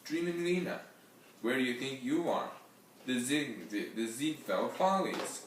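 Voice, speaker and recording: A man voicing a grumpy older uncle who shouts and scoffs. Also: mid-range voice, lively intonation, measured pace, distant mic, slight background noise, pitched above the performer's own voice, lightly acted. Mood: scoffing. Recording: very echoey room heard from afar.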